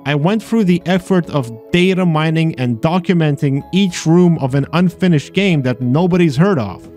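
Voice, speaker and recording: A man with a fairly high, slightly mellow voice narrates a scripted voice-over about a video game at normal speed, adding dry, sarcastic asides. He hosts videos exploring games, and faint game music plays in the background.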